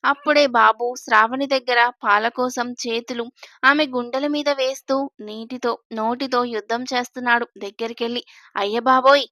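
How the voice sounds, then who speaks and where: A woman storyteller reads a daily family serial aloud in a lively way, voicing every character herself. Her voice is high and bright. The sound is close and dry. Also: normal speed, no echo.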